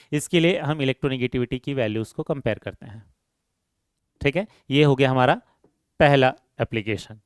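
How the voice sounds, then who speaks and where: A man lecturing a chemistry class in a smooth, resonant voice set a little high. He keeps asking his students questions and answering them himself, repeating key terms as he goes. The sound is close and dry, with no room echo. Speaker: chemistry teacher.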